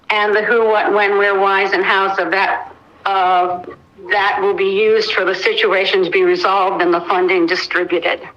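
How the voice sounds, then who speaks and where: A woman's voice: mid-range voice, a bit bright. Woman calling in on a speakerphone, dull muffled line, reading her questions in order. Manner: methodical, lists questions one by one. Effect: heard over a phone on speaker. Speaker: caller making public comment. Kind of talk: reading prepared questions at a council meeting.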